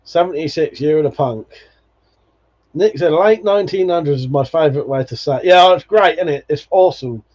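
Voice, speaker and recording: A livestream host in his forties chats nostalgically and casually, swearing freely and laughing frequently as viewer comments come in. He talks a little fast, with a slightly high pitch and a darkish tone, all on dull lo-fi stream audio.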